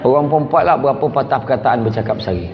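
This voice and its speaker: A man's voice: medium pitch, expressive, rapid-fire, a crowd in the background, background noise. A man with a Malaysian Malay accent giving a humorous religious talk as a preacher, playful and teasing. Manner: playful, teasing, acts out characters. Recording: echoey hall, dull lo-fi.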